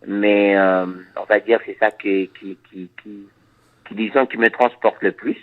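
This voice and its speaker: A reggae musician from Suriname, a man who speaks Dutch natively, responds to interview questions slowly and thoughtfully, with lots of repeated words. He speaks on the low side with fairly even intonation, and the sound is phone-quality.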